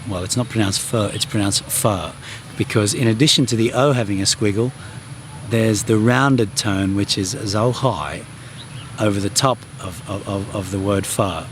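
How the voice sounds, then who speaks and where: A man's voice: on the low side, normal speed, a little hiss or hum. A man hosting a casual travel language lesson, chatty and self-deprecating, with lots of ums and restarts. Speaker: language class host. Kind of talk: casual spoken lesson to camera.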